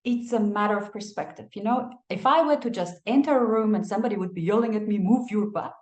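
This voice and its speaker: A woman giving animated migration advice, telling stories and acting out the people she quotes. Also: medium pitch, fast talker, dull audio. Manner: expressive storyteller, acts out quotes, laughs. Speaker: migration advisor. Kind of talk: animated advice talk with anecdotes. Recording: echoey room.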